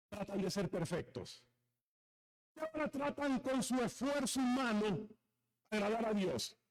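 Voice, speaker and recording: A male pastor preaching a sermon, retelling a story with dramatic swings and asking the congregation questions. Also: poor audio. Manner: lively pitch swings from high to low.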